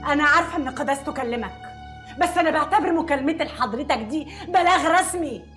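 A woman's voice: high-pitched, fast, a bit bright, faint music behind. An actress playing a stern senior nun who urgently defends her monastery in a film. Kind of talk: Egyptian film acting.

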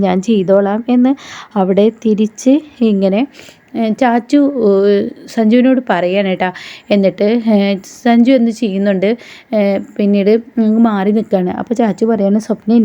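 A woman retells a TV serial episode in a relaxed, chatty way, quoting each character's lines in her own voice. Her voice is very dark and mellow, and the recording sounds a little dull and lo-fi. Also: medium pitch. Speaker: TV serial recap vlogger.

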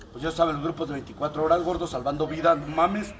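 Man, Mexican Spanish accent, high voice, crude and mocking, profane group testimony, distant echoey room. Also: steady tone, fairly quick, a crowd in the background. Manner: crude, mocking, swears constantly. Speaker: speaker sharing at a recovery group meeting. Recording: distant, roomy, noisy room recording.

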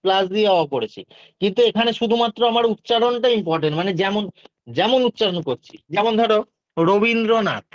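High-voiced patient male teacher. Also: animated, a little fast, no echo. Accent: Bengali. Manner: patient, explains step by step, takes student questions. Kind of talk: online exam-prep lesson. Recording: dull lo-fi dry sound.

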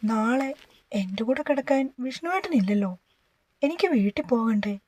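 A woman's voice: on the high side, animated, moderate pace, darkish tone, dry recording. A woman voicing a tired young wife who pleads through tears. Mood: tearful. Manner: pleading, tearful. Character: young wife, tired teacher, tearful and clingy.

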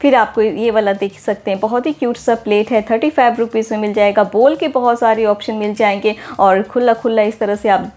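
Woman vlogger walking a shop aisle, kinda high voice, keeps hyping prices n offers. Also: steady tone, brisk, hardly any pauses, a little mellow. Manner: upbeat, repeats prices and offers. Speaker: shopping vlogger. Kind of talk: store walkthrough with prices. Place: indoor retail store.

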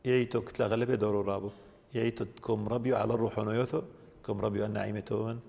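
A man's voice: lowish voice, fairly even intonation, racing, gravelly, darkish tone, long reverb tail. A man, a priest, explaining religious teaching at length on a TV program. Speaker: priest guest.

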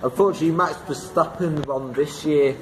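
Fairly high-pitched and brisk, a vlogger rates London pubs one after another after a long day of drinking, his commentary jokey, rambling, and tipsy. Crowds chatter loudly around him in the pubs and on the streets.

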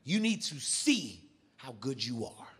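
Blunt, gruff older boxing coach, clipped and low, a male comic's put-on voice in a stand-up bit. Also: sing-song, a little slow, full character voice. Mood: matter-of-fact. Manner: low, clipped, matter-of-fact. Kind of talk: stand-up comedy impression.

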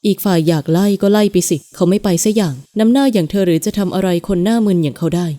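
A woman narrating a romance audio novel at a quick clip. Her voice is mellow and dark-toned, her reading fluent and even. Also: medium pitch. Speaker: narrator and channel host.

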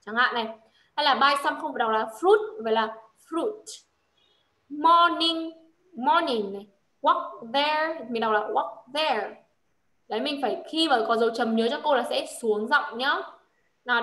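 A woman's voice: fairly high pitch, a bit bright. Echoey Vietnamese woman tutor, patient. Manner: patient, corrective, models slow careful reading. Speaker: English tutor. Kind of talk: one-on-one English reading lesson.

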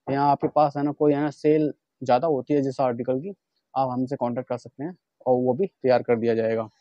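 A man from India talks his viewers through a pair of shoes in a relaxed, chatty vlog. His voice is mellow and dark, recorded dry and a little dull, like a basic lo-fi setup. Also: mid-range voice, fairly quick, no echo. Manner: chatty, repeatedly addresses viewers as friends. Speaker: vlogger showing shoes for wholesale. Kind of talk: casual product demonstration vlog.

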